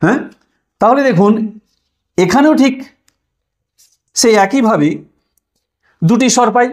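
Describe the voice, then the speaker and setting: A man's voice: very high-pitched, lively intonation, unhurried. Man, teacher, online grammar lesson, rising and falling voice, asks questions, draws out sounds.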